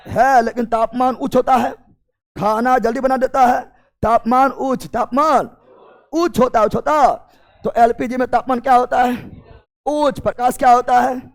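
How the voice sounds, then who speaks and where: A man teaching a chemistry class, drilling students with repeated call-and-response questions and often raising his voice. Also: extremely high pitch.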